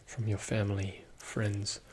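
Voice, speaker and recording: A man giving a soothing, reassuring ASMR pep talk in a soft-spoken, often whispered voice, slow and deliberate. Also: fairly low pitch, monotone, breathy edge, poor audio. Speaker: ASMR video host.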